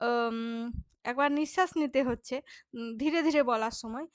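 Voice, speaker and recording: A woman teaching a grammar lesson to school students, explaining patiently and sounding words out slowly, syllable by syllable. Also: on the high side, clear, resonant tone, dry recording. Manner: frequent checking fillers to students.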